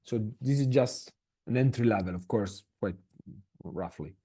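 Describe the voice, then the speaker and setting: A man's voice: fairly low pitch, a little slow, warm tone, husky. A man from Italy, giving a masterclass talk over a video call in hesitant English, full of restarts and "okay?" tags. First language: Italian. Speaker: masterclass speaker.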